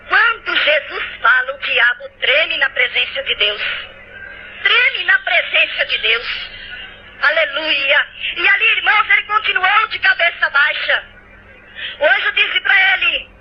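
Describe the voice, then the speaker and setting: On a dull, lo-fi recording with slight background noise, a very high-voiced woman shares a heartfelt church testimony. She has a Brazilian Portuguese accent, turns tearful now and then, repeats her phrases, and calls out to the brothers.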